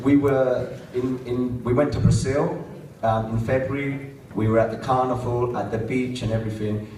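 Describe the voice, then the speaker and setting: A man's voice: mid-range voice, steady tone, moderate pace, background noise. A man giving a short, enthusiastic testimonial speech at an event. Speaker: event speaker. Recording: echoey hall, distant mic, faint crowd.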